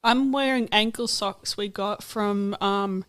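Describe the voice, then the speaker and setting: A woman's voice: mid-range voice, slow pace, a bit bright, smooth. A young woman with an Australian accent, joining a casual podcast chat with dry teasing remarks. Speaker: podcast co-host.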